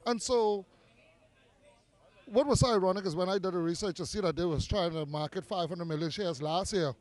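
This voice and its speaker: This community activist from Grand Bahama speaks with a Bahamian accent in a high, darkish voice at a slightly fast pace. Interviewed outdoors in a park, he argues earnestly and persuasively, doubling up words to stress them.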